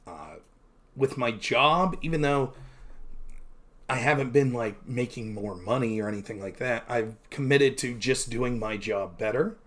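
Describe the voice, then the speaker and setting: A man's voice: medium pitch, a little slow, fairly bright tone. A man in his thirties, chatting candidly on his own stream, rambling with many fillers and poking fun at himself. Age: 30s. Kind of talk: casual solo stream chat.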